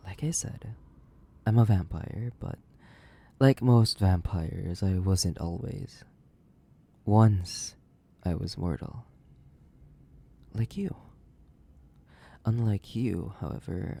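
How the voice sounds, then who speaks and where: A voice actor performs a horror audio roleplay monologue as a sadistic vampire, his low, mellow voice gravelly and breathy, often sinking to a whisper. The full character voice is slow, theatrical, and condescending, savoring each line in a wry storytelling mood.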